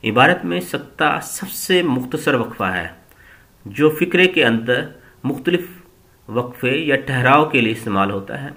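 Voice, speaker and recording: Male Urdu teacher from Pakistan with a Pakistani accent, unhurried, pausing between phrases, crisp bright tone. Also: mid-range voice, lively intonation. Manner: slow, measured explaining with pauses. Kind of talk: recorded lesson.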